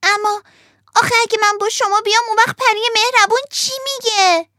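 Pinocchio, a woman voicing a squeaky wooden boy. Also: steady tone, bright, forceful tone, no room sound, clean studio sound. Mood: pleading. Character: naive wooden puppet boy, eager and torn. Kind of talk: storybook narration.

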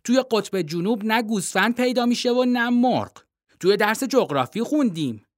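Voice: medium pitch, lively intonation, no echo, studio quality, voice pushed up, close to an everyday voice. A storybook reader voicing an earnest, argumentative young schoolboy, pleading and defensive. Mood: insistent. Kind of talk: storybook reading.

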